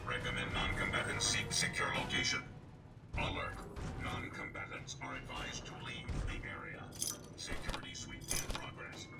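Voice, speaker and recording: A man voicing a stern male security robot on patrol, giving clipped, monotone alert announcements. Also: very deep voice, normal speed, vocal fry, heavily acted. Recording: echoey, distant game audio with loud music.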